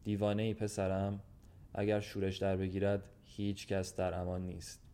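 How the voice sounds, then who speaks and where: Storybook voice: man reading as a gruff old gendarme, fatherly and blunt, weary, plain-spoken, low and mellow. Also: completely flat delivery. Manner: plain, weary, matter-of-fact speech.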